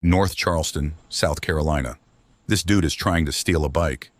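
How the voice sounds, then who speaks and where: Male narrator, very low register, delivering scripted video voice-over. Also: normal speed, no echo.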